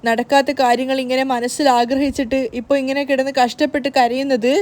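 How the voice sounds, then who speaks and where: A woman's voice: sits high, little pitch movement, darkish tone, lightly acted. Woman voicing a grieving, anguished mother. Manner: slow, anguished scolding. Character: grieving middle-aged mother.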